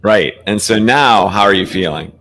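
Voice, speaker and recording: Playful male podcast co-host, slightly low voice. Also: moderate pace, a bit bright. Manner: playful, laughing often. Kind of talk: casual chat. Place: traveling, currently in a temporary location.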